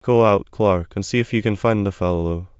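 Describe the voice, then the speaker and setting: A man's voice: lowish voice, normal speed, a little mellow, clean tone, dry recording, natural voice. A man doing a curt, stern officer. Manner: curt, commanding. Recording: slightly dull dry recording.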